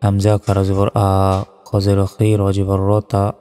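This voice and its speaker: This slow Quran lesson features a man spelling every letter and vowel, then reciting the word in a melodic chant. He has a low, warm, clear and resonant voice, speaks with a completely flat delivery and takes his time; the audio is reverberant with faint music behind.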